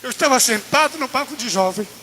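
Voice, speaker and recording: A man's voice: very high voice, animated, fast talker, slight background noise. A man preaching in church, telling his own testimony with impassioned, rising delivery. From Brazil. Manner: impassioned, rising to near-shouted peaks. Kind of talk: sermon testimony.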